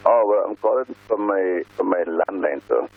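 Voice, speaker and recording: A man's voice: low voice, animated. A man calling in over a landline phone, chatting unhurriedly with fillers. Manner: unhurried, thoughtful speech with fillers. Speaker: caller. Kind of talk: casual chat. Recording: tinny, choppy landline phone line.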